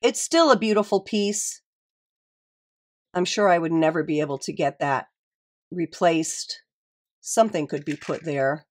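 A woman's voice: low voice, a little slow, pauses often. A middle-aged woman with a slightly stuffy, nasal voice, hosting a casual show-and-tell in a chatty, appreciative way and musing aloud.

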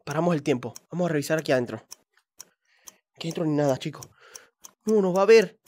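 Playful gamer woman, lively pitch. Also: quick pace, dry recording. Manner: playful, mischievous, talks to viewers as "chicos". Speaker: gaming channel host. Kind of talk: let's play commentary.

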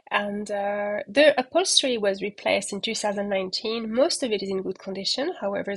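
A woman giving a relaxed, chatty walking tour of a catamaran, talking outdoors on deck into a handheld phone camera, with plenty of fillers. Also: mid-range voice, husky. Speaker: yacht broker giving a boat tour.

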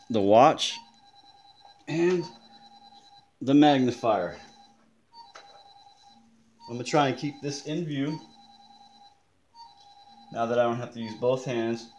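Slow, deliberate man in an echoey room. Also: medium pitch, darkish tone. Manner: slow, deliberate, pointing things out, occasional frustrated mutters. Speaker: customer showing watch damage. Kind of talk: casual show-and-tell demonstration. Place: indoors at a desk in a room.

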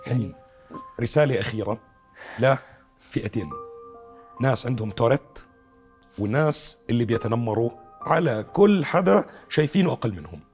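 A man's voice: medium pitch, animated, normal speed, long pauses, darkish tone, soft background music. A man in his thirties with a Levantine Arabic accent, presenting and interviewing as a TV talk show host. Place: TV studio. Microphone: lapel.

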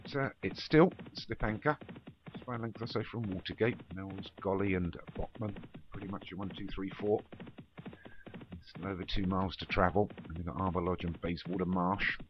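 A man with a low voice, at a moderate pace, gives informal running commentary on a horse race in an online game league, muttering asides and correcting himself. The home recording is dull and noisy, with clicks.

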